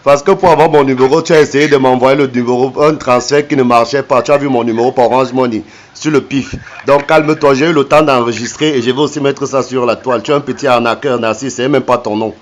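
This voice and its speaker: A man's voice: medium pitch, steady tone. Mocking man on a phone call. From Cameroon. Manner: mocking, taunting, repeats insults; slow and hesitant when reading back numbers. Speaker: phone call recipient exposing a scammer.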